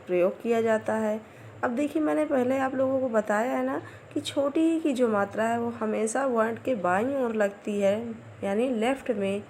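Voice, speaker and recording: Slow, clear woman teaching first graders. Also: on the high side, a little mellow, slight background noise. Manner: slow, clear, drills words aloud one by one. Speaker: primary school teacher. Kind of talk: online Hindi lesson for first graders.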